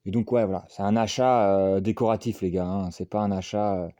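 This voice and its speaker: A man's voice: lowish voice, steady tone, brisk, mellow, no echo, studio quality. A man chatting casually while unboxing collectibles, rambling with lots of fillers and self-mocking asides. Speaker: unboxing vlogger.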